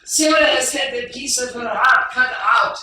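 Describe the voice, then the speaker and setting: A man playing a sympathetic community member with an emphatic delivery. His voice is high and bright. It is caught from afar on an echoey stage. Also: fairly even intonation, moderate pace, distant mic, a little hiss or hum, heavily acted. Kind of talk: stage play acting.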